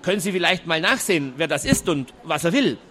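A man voicing an excitable elderly inventor professor in a storybook reading, fussy and quick to shout. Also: on the high side, slight background noise, voice pushed up. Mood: worried. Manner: agitated, shouts when upset.

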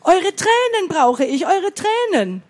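Storybook monster, greedy and desperate, shrill and roaring, put on by a woman. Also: sing-song, takes it slowly, exaggerated voice. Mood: furious.

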